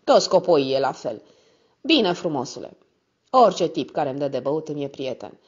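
A woman reading the part of a drunk, coarse older woman who is suspicious and greedy for whisky, with a thick, boozy voice and rough slangy talk. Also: deep voice, big pitch swings, darkish tone, exaggerated voice. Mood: coarse, tipsy. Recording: slightly muffled recording.

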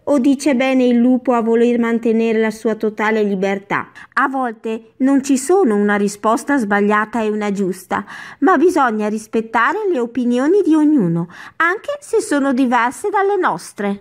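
A woman playing a kind, patient grandmother who tells a fable and teaches gently. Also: a little high, expressive, moderate pace, natural voice. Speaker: storyteller. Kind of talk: web series doll sitcom acting.

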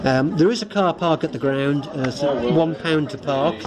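A man's voice: fairly high pitch, moderate pace, a loud crowd. A man co-hosting a football podcast, chatting casually with dry humour and plenty of fillers. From England. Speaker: podcast co-host. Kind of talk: casual chat about away-ground travel.

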